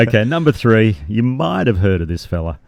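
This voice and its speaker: A man's voice: lowish voice, big pitch swings, moderate pace, gravelly, darkish tone, no room sound. An Australian man, a golfer co-hosting a podcast, easygoing and laughing along in casual banter. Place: golf club lounge.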